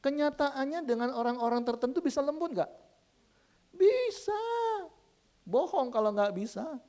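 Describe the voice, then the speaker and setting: A man preaching a lively, humorous sermon, often addressing the congregation and acting out quoted couples. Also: very high-pitched, fairly quick. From Sumatra. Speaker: pastor.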